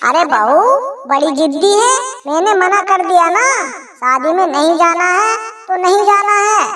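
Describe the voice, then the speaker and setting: A woman's voice: very high voice, animated, unhurried, over music. A woman voicing a stingy, bossy old mother-in-law in a cartoon comedy, scolding and threatening. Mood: nagging. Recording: roomy, distant echo.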